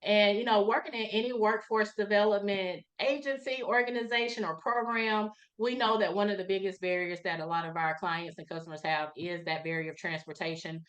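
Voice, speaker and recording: A woman's voice: medium pitch, fairly even intonation, a little fast, hardly any pauses, a bit bright. Host: woman, friendly, casual with fillers, mid-range voice. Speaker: webinar host. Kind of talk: webinar introduction.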